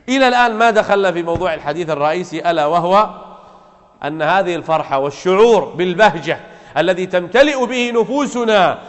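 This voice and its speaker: A male preacher delivers a sermon with emphatic, rising lines and questions thrown at the congregation. His voice sits a bit high for a man. The sound carries a long, hall-like reverb from the mosque around him. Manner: emphatic, rising to loud peaks, rhetorical questions to the audience.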